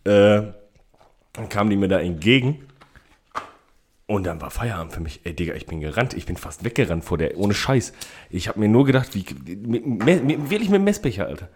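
Low-voiced slangy man. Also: brisk, slightly rough. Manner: slangy, animated storyteller. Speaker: podcast co-host. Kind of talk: casual chat.

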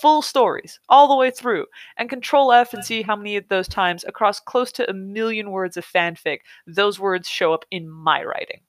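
A woman's voice: medium pitch, normal speed, hardly any pauses, no room sound. A woman hosting a casual talk show who reads a novel aloud and rants about it with sarcasm and heavy swearing. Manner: profane, sarcastic, ranting. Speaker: podcast host reading a novel aloud. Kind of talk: casual chat and dramatic reading.

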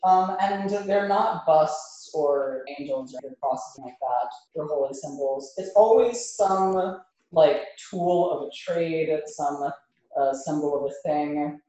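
A woman game master improvising narration for a tabletop game in a halting, casual way. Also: low-pitched, mellow. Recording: roomy, echoing tabletop recording.

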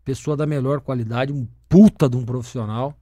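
A man's voice: medium pitch, brisk, dry recording, studio quality. A middle-aged Brazilian man, a former footballer turned broadcaster, chatting casually in an interview and telling stories with lots of swearing. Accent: Brazilian Portuguese. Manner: animated storyteller, swears freely.

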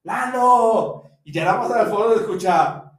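High-voiced Mexican man telling a story. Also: brisk, far from the mic. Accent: Mexican Spanish. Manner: slangy, laughing, acts out dialogue. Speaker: podcast co-host. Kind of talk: casual storytelling chat. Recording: echoey room, away from mic.

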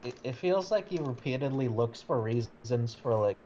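A man's voice: medium pitch, lively intonation, moderate pace, dark tone, slight background noise. A man co-hosting a podcast in a casual chat, filling his talk with "like". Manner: fills speech with "like". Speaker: podcast co-host. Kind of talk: casual comic book discussion. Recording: dull lo-fi mic sound.

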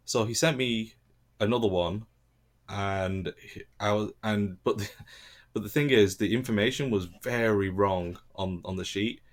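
A man with a fairly low voice chats casually, stumbling and restarting his sentences as he goes. He tells stories in a dry, teasing way. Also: a little slow. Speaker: guest recounting teaching in Korea. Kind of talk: casual podcast chat.

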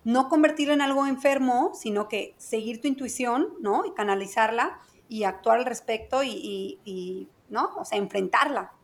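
A woman's voice: a little high, normal speed, few pauses. A woman with a Mexican Spanish accent chatting casually as a podcast co-host, speaking frankly and repeating phrases for emphasis. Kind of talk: casual chat.

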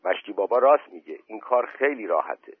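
A man's voice: on the low side, animated, breathy edge, dry recording. Fretful village headman, as a man reads him. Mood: worried. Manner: practical, fretful questions. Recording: dry tinny phone-like voice message.

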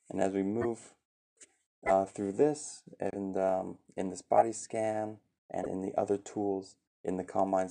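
A man leading a meditation session in a calm, gentle teaching voice with some fillers. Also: low voice, creaky, slightly rough. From USA. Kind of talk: calm guided meditation talk.

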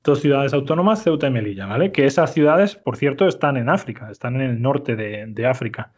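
A man from Málaga, teaching a slow, patient lesson, repeating answers and explaining words clearly. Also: mid-range voice, animated, highs cut off. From Málaga, Spain. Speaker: Spanish teacher.

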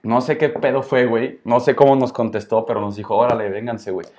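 A man's voice: medium pitch, steady tone, fairly quick, a little mellow. A man with a Mexican Spanish accent, a podcast co-host telling a story in slangy casual chat. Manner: slangy, fills every phrase with filler slang.

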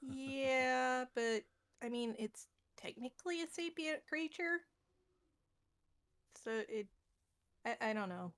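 A woman playing a tabletop game, planning aloud in a thoughtful, pausing way. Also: high voice, a bit bright. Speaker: player. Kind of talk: casual tabletop role-play.

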